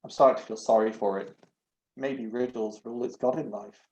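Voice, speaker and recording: A man voicing an earnest, soft-hearted young male adventurer who argues with some heat. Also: medium pitch, fairly even intonation, brisk, natural voice. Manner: earnest, mildly argumentative. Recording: echoey, dull home recording.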